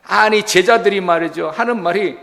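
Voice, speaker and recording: Male pastor, lively Sunday sermon, long church-hall reverb. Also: high-pitched, moderate pace, creaky. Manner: animated, acts out quotes, asks congregation rhetorical questions. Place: church sanctuary.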